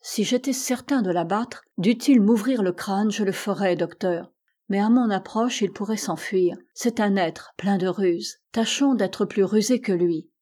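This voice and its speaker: A woman's voice: mid-range voice, a little slow, dark tone, close to an everyday voice. Woman reading as a resolute polar captain. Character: resolute male polar captain, brave and commanding.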